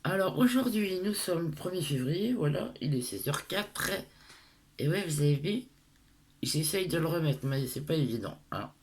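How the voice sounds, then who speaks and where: A woman's voice: low voice, expressive, normal speed, darkish tone, a little hiss or hum. Middle-aged woman with a lisp, chatting casually. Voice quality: lisp on s sounds. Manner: hesitant, rambling, self-deprecating. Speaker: craft tutorial vlogger. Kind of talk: casual chat to followers.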